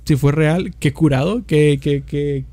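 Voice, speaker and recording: Slangy northern Mexican man chatting, mellow and dry. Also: on the high side, measured pace, dry recording. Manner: slangy, rambling, repeats himself. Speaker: podcast co-host. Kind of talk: casual chat.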